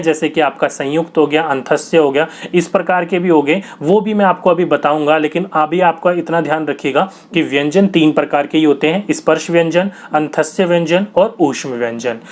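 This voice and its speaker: This is a fairly high-pitched young man giving an exam-prep grammar lesson. He keeps asking questions and supplying the answers himself, patiently repeating as he goes.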